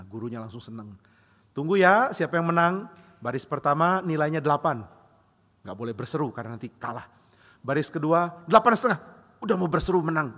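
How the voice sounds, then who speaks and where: A man's voice: a little high, long reverb tail. A man preaching a sermon in a church, telling humorous stories and acting out the voices of the people he quotes. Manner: animated, acts out quoted voices, jokes. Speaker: pastor. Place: church hall.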